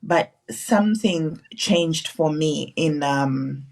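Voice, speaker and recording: As a guest on a live online broadcast, a nurse and business owner from Uganda, in her thirties, earnestly recounts her story with restarts and repetitions. Her voice is low, slow, creaky, and darkish, and the mic is distant.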